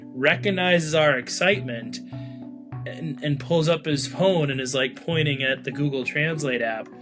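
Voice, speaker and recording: A man casually telling a travel story, animated and laughing between lines. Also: fairly high pitch, a little slow, music in the background. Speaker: co-host.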